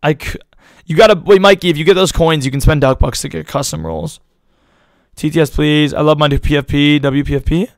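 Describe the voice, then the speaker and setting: A man's voice: a little high, steady tone, brisk, no room sound. A young man streaming live, rambling casually to his chat in slangy talk, his voice a little worn out.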